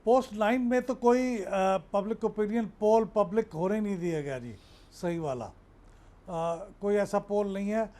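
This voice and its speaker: A man speaking as a journalist guest on a political talk show, cautious and agreeable with hesitant pauses. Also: sits high, dark tone.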